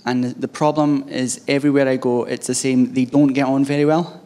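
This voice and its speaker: A man's voice: medium pitch, little pitch movement, a little fast, dark tone. A man with a thick, broad Scottish accent gives an informal tech talk to an audience, in a loose, hesitant, conversational way. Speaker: conference speaker, head of DevOps at a bank.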